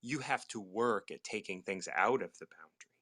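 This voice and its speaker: Man, low voice, host, reflective spiritual talk, earnest and musing, repeats himself while thinking. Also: expressive, normal speed, bright, forceful tone.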